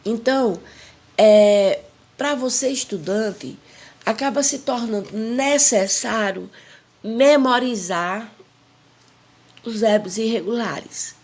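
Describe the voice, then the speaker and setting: A woman, teaching an English grammar lesson slowly and repeating the rules while stressing the example words. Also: on the high side, darkish tone.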